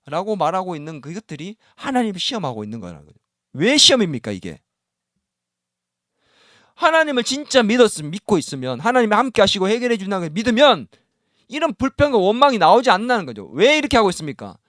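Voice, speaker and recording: A man's voice: sits high, big pitch swings, quick pace, a bit bright, no room sound, clean studio sound. A male pastor preaching a sermon in a church, often asking the congregation questions and acting out the words of doubting believers. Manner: voices doubting believers in first person. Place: church sanctuary.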